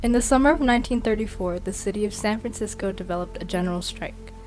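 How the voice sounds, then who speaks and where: A woman's voice: mid-range voice, fast talker, a little mellow, faint music behind, low-quality recording. A woman narrating a student history documentary, reading evenly from a script.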